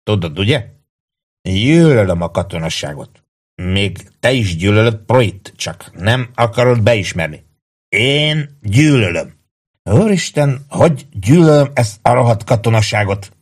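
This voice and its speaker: A man voicing a drunk young soldier who shouts and drags his words out. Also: fairly low pitch, animated, husky. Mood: drunk, bitter. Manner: shouting, slurred and drawn out.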